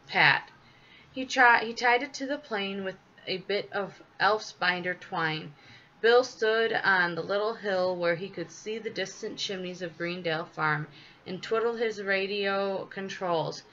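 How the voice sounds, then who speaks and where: Woman storybook reader, measured and expressive, slightly dull recording. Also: mid-range voice. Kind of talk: reading a children's story aloud. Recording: slightly dull with faint hiss.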